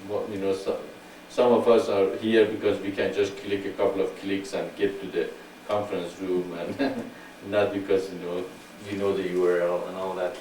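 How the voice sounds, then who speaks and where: A man hosting an online spiritual gathering in casual talk, speaking slowly and deliberately and repeating himself so listeners can follow. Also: low-pitched, little pitch movement, a little mellow. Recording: echoey room, far from mic, faint hiss.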